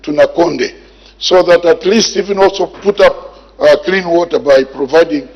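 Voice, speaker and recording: A man, a health minister giving a measured parliamentary answer, repeating words as he thinks. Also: fairly high pitch. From Zambia. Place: parliament chamber. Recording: dull lo-fi broadcast sound.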